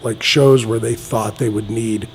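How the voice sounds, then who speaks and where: A man's voice: lowish voice, fairly even intonation, unhurried. A man in his forties, a podcast guest from Pennsylvania, telling his story in a rambling, easygoing way with many restarts. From Erie, Pennsylvania. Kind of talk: casual interview chat. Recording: long reverb, faint ambient noise.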